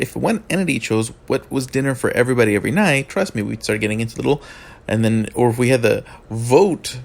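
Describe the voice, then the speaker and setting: A man who sounds groggy from just waking up, giving casual, unscripted political commentary in a halting way with repeated words and pauses. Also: mid-range voice, gravelly.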